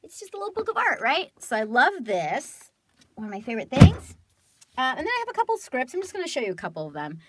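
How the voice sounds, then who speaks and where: A woman's voice: sits high, fast talker, few pauses, very noisy. A woman in her thirties from California, a voice actress chatting casually and animatedly as she shows off keepsakes. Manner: animated, chatty, laughing often. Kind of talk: casual show-and-tell vlog.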